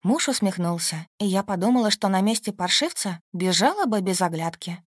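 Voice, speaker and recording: A woman reading a first-person audiobook in a lively, intimate, wry way. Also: medium pitch, a little fast, breathy edge, no room sound, clean studio sound. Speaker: audiobook narrator.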